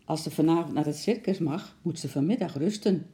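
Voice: medium pitch, a little fast, mellow, close to an everyday voice. A reader doing a doubtful, cautious father. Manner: doubtful, thoughtful.

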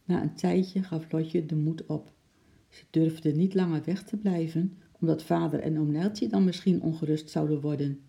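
A man reading a children's story aloud, lively and acting out the noises. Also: a little high, moderate pace, gravelly. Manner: lively, acts out sound effects.

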